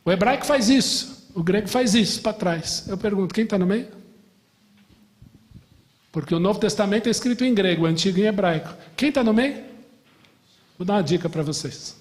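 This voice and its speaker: A man from Brazil, a middle-aged pastor, teaching a lively Bible class, asking the class questions and joking. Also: high-pitched, moderate pace, pauses often, long reverb tail. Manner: animated, asks the class questions and jokes.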